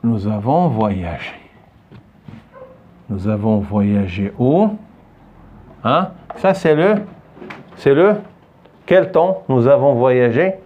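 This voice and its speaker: A man's voice: mid-range voice, slow, pauses often, muffled recording, a little hiss or hum. A man teaching a French lesson in a classroom, patiently repeating phrases for his students to echo back. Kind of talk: classroom lesson with call-and-response drilling.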